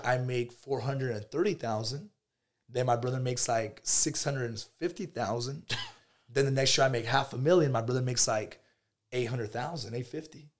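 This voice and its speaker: A man in his thirties, a podcast guest, telling his story in a casual, animated way, full of slang and "bro". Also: medium pitch.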